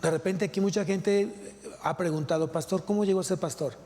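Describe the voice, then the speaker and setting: This sermon comes from a man whose high-sitting, dark voice keeps a steady tone at a fairly quick pace. He preaches with a Mexican Spanish accent, repeating key phrases and asking rhetorical questions, and the long reverb of the large church hall lingers around him.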